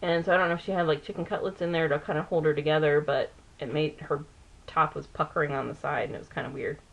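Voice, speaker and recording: Low-voiced chatty woman doing her makeup. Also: steady tone, quick pace, vocal fry, lo-fi sound. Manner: rambling, chatty, loses words mid-sentence. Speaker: beauty vlogger. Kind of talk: chatty get-ready-with-me.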